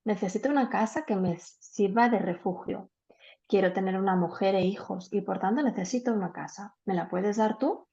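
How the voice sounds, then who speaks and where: A woman's voice: mid-range voice, normal speed, dark tone, dull audio, natural voice. A woman voicing a boy who grows into a tired old man in a storybook reading. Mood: weary.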